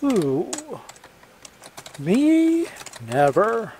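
A writer dictating a story and briefly voicing a sly, smug male game master who runs a gambling table, with a coy, teasing delivery pitched up from their own voice. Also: huge pitch swings, drawn-out words, a little mellow, a little hiss or hum, exaggerated voice.

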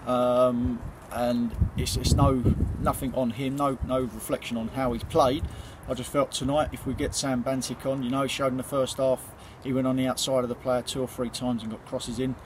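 A man's voice: mid-range voice, flat delivery, normal speed, few pauses, low-quality recording. A middle-aged man, a football manager giving a plain-spoken post-match interview outdoors at night, with many ums and repeated words. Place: outdoors by a stadium building at night. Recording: loud outdoor background noise.

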